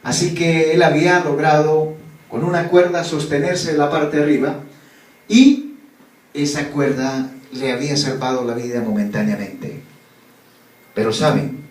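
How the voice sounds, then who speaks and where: Man preaching in church, high voice, dramatic storytelling, echoey hall, distant mic. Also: measured pace. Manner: dramatic storytelling, swings from hushed to loud.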